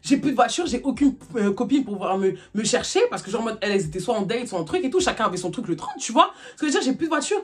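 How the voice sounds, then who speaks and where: A young woman telling a personal story in a casual vlog, animated and packed with fillers. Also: a little high. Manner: rapid, animated retelling full of fillers.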